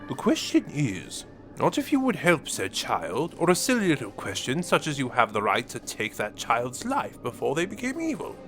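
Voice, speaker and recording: A man's voice: mid-range voice, huge pitch swings, fairly bright tone, soft background music. A man playing a menacing, gloating villain mastermind in a fan audio drama monologue, with a sneering, theatrical delivery. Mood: mocking, accusing. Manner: theatrical, sneering, drawn-out delivery swinging between whispers and outbursts.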